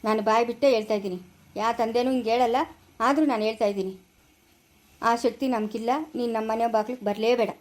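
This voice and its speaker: A woman's voice: on the high side, steady tone, fast, close to an everyday voice, poor audio. A woman playing a stern old village father. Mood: stern, scolding. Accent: Chikkaballapura Kannada. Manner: blunt, scolding, repetitive. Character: stern older village father turning his son away. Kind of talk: amateur family drama acting.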